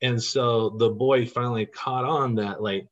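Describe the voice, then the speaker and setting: An earnest man shares stories as a podcast guest, his voice at a middling pitch. He talks with feeling, growing emotional as he goes. The recording sounds a little dull and lo-fi. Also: steady tone, measured pace. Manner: earnest, emotional when recounting. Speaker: podcast guest, costumed volunteer. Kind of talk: storytelling in an interview.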